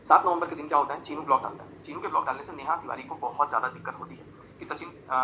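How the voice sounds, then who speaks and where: A man's voice: fairly high pitch, fairly even intonation, rapid-fire, slight background noise, low-quality recording. A man ranting live on his vlog, agitated and accusing, explaining events as he shows chat screenshots on his phone, with emphatic bursts between muttered asides. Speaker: vlogger. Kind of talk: live confessional rant.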